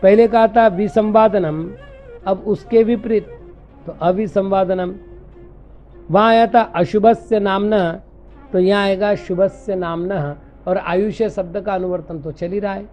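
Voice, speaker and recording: A man, a monk teaching scripture, who recites verses deliberately and then explains them in a patient way. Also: high voice, fairly even intonation, warm tone. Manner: patient, explanatory, corrects common misreadings. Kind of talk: scripture lecture in Hindi. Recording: dull lo-fi recording with faint music.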